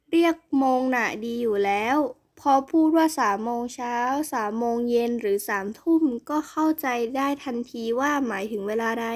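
A woman's voice: high-pitched, lightly acted. A woman voicing an eager schoolgirl who speaks up to her classmates in a matter-of-fact way.

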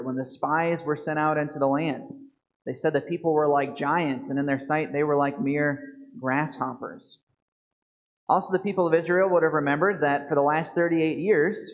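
Earnest priest preaching at a lectern. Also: male voice, a little high. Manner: earnest, measured preaching with slow emphatic stresses. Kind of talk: homily. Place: church sanctuary at a lectern. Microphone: fixed lectern microphone. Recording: dull lo-fi church video stream.

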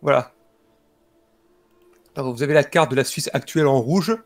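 A man presenting a book and its history informally, in a calm, explanatory way. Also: mid-range voice, normal speed. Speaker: guest presenter.

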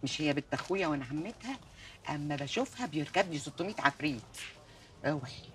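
An actress with an Egyptian Arabic accent playing a dramatic, sharp-tongued older aunt who scolds her nieces. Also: low voice, expressive, fast. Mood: scheming.

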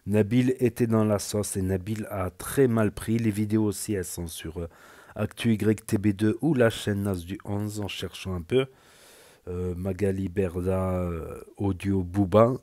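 Mellow low-voiced reaction host. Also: male voice. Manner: relaxed, rambling, with fillers. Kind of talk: casual reaction commentary.

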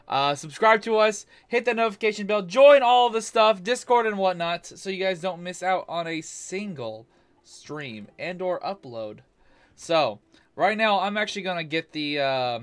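A man's voice: a little high, clear, resonant tone. Young man hosting a gaming stream. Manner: loose, swearing, joking with friends. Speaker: streamer host. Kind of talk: casual gaming live stream chat.

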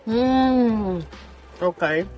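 A woman's voice: fairly high pitch, lively intonation, drawn-out words, mellow, soft background music. A woman vlogger chatting candidly about the food with her mouth full, recorded inside a parked van on a camera mic. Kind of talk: casual food vlog.

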